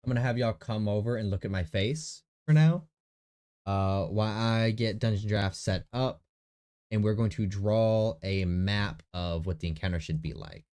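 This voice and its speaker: There's a faint echo in the bedroom where this young man records a casual screen-captured vlog prepping a tabletop game session. His nasal voice is lowish, smooth and a little mellow at normal speed, and he rambles, talks to himself and corrects his own thoughts aloud.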